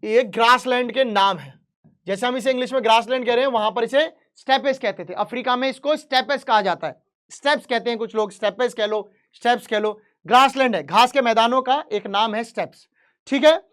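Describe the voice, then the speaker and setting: A chatty online teacher walks students through a history chapter, switching between Hindi and English. English sentences come out slow and deliberate, then the explanation rushes on in casual, joking Hinglish, with direct questions to the class. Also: mid-range voice, a bit bright. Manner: playful asides and jokes, addresses students directly.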